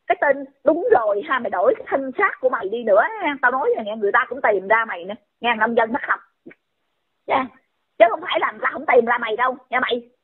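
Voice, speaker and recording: A woman's voice: a little high, slightly rough. A woman, scolding someone in a heated rant and firing off repeated insulting questions. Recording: tinny phone-line audio.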